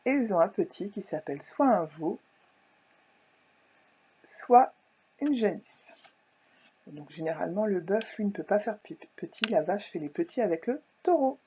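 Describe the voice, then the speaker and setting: A woman teaching a recorded phonics lesson to young children, speaking slowly and clearly, sounding out words syllable by syllable. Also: medium pitch, expressive, dark tone, a little hiss or hum. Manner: slow, carefully articulated, syllable by syllable. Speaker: primary school teacher. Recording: dull lo-fi recording.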